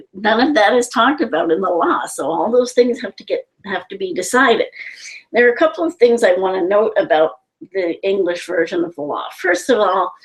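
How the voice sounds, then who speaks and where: A woman's voice: mid-range voice, poor audio. Earnest woman explaining step by step. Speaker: host. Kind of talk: explanatory talk. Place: home.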